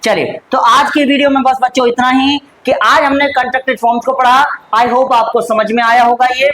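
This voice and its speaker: A man with an Indian accent teaching English, repeating phrases slowly and coaxing his students. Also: very high-pitched, level tone, sharp tone, rough recording. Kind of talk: classroom-style lesson, drilling phrases.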